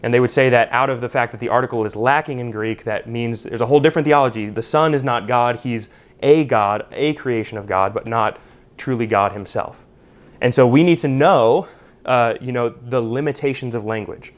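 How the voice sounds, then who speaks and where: A man's voice: mid-range voice, moderate pace. A man teaching a Bible study class in a conversational way, with lots of "you know" and "uh". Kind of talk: unscripted teaching talk.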